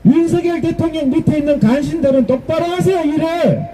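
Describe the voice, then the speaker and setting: A man giving an impassioned political speech to a gathered audience, combative and rhetorical, rising to shouts. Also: very high-pitched, fairly quick, some chatter behind, rough recording. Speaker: political rally speaker. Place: public gathering with a live audience.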